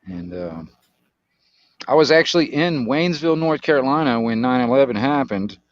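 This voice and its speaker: In casual chat, a middle-aged Florida man tells things hesitantly and ramblingly, using slang and mild profanity. He has a mid-range voice with lively intonation at a normal speed. The audio is dull with no room sound.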